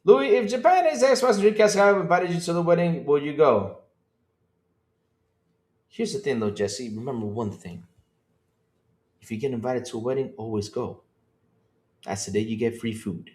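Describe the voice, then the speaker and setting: A man from the Dominican Republic hosting a casual gaming podcast stream, animated and laughing, moving from loud outbursts to mumbled asides. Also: mid-range voice, moderate pace, long pauses, echoey room. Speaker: podcast host. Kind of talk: casual livestream chat.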